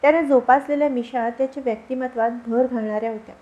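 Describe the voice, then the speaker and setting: A woman narrating a short story aloud in a measured, expressive storytelling manner. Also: a little high. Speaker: audiobook narrator. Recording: dull lo-fi recording.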